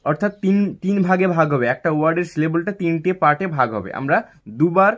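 A man explains English grammar like a classroom teacher, speaking at a fairly high pitch. He poses a question, then answers it. He breaks example words into slow, separate syllables. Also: a bit bright. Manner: repeats words slowly, syllable by syllable.

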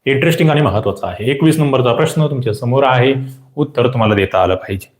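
A man teaching a live online exam-prep grammar class, quizzing viewers, repeating questions and pushing for quick answers. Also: mid-range voice, expressive, reverberant.

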